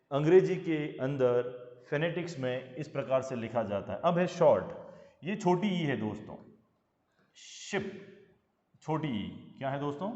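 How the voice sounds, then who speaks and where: A middle-aged man from Rajasthan, a lecturer who teaches English vowel sounds slowly, drawing out each example word. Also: a little high, darkish tone. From Rajasthan, India. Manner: slow, drawn-out teaching with examples. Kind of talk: phonetics lesson. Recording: echoey room, dull lo-fi sound.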